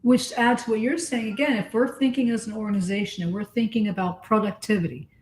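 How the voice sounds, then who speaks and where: A woman's voice: on the high side, steady tone, fast, a little mellow, a little hiss or hum. Earnest woman coach explaining. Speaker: coach and guest. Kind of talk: casual discussion.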